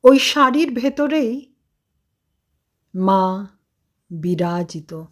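A woman voicing a kindly older male monk who questions gently and patiently, in a devotional story. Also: mid-range voice, lively intonation, drawn-out words. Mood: gentle.

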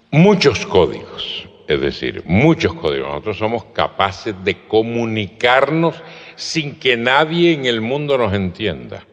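A low-voiced man with a Colombian Caribbean coast accent tells stories to friends in an animated, rising-and-falling way. He spells words out slowly and laughs often. The dull, lo-fi recording carries a long hall echo. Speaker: storyteller among friends. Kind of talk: casual storytelling conversation. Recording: reverberant hall, dull lo-fi sound.

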